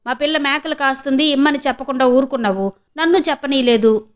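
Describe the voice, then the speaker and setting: A woman's voice: sits high, fast talker, pitched above the performer's own voice, natural voice. A woman voicing an eager, earnest young village girl who speaks in rustic speech.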